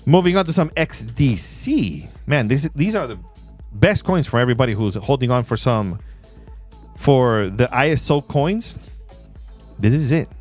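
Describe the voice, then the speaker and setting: A man hosting a casual livestream, playful and laughing often while he reads chat shout-outs. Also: mid-range voice, lively intonation, unhurried, soft background music. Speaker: livestream host. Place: in Puerto Rico.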